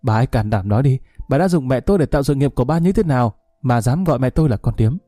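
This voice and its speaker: A bitter, defiant young man in a storybook reading, talking with cool, mocking sarcasm, as the narrator puts him on. The tone is dark and mellow, recorded dry with faint music behind. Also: medium pitch, expressive, fast talker, no room sound, natural voice.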